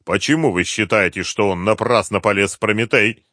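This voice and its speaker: A calm detective lays out his reasoning in measured, probing sentences, as a male reader voices him. The voice stays level and unhurried, only slightly above the reader's own. The recording is dry and close. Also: lowish voice, no echo. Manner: measured, analytical questioning. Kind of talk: audiobook character voice.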